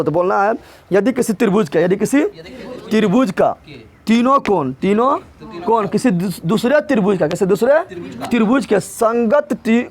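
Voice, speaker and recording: Male math tutor, high-pitched, drills the class with repeated call-and-response questions. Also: creaky, a little mellow. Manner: drills terms by repeating words three times. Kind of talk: live classroom teaching.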